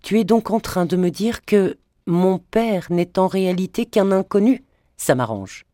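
A narrator voicing a grown daughter who is shocked and pleading, in a storybook reading. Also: female voice, lively intonation, a little slow, mellow, no echo, clean studio sound, natural voice. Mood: defensive. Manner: pleading, higher and sharper than the narration.

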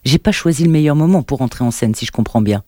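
A man reading as a hesitant, wry man in his thirties, muttering his words. The tone is warm and mellow, close to the reader's own. The sound is dry and near, like a storybook recording. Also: medium pitch, expressive, quick pace, dry recording, close to an everyday voice. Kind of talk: audiobook narration.

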